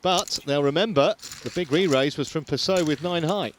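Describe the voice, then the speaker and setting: A man calling the play-by-play at a poker tournament, narrating the action in a dry, measured way. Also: fairly high pitch, slight background noise.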